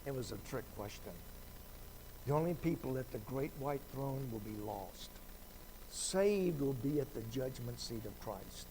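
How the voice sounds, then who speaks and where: A man teaching a Sunday Bible lesson in a slow, conversational preaching style, with dry sarcastic asides. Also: medium pitch, animated, warm tone, slight background noise, low-quality recording.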